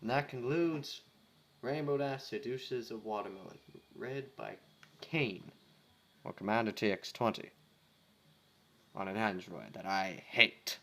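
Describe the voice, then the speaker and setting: A young man, an amateur fan fiction reader, reads a story casually, tossing in offhand, self-deprecating remarks and stumbling over words. His voice sits fairly low with a bright, forceful tone, and he goes a little slowly with long pauses.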